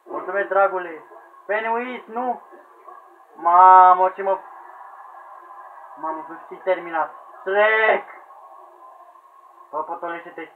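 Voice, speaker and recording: A man giving excited gameplay commentary, yelling at characters, pleading with them and laughing as the match goes on. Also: sits high, long pauses. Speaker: gamer commentating own play. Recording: tinny lo-fi sound with faint hiss.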